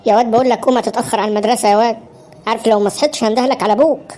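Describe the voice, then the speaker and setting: A woman's voice: a little high, steady tone, racing, warm tone, a little hiss or hum, close to an everyday voice. A woman voicing a doting but nagging mother in a cartoon, coaxing her son awake in an Egyptian Arabic accent. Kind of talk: cartoon voice acting.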